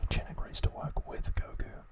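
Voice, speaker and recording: In this ASMR clip, the male host speaks in a soft, breathy whisper, calm and soothing, never rushing.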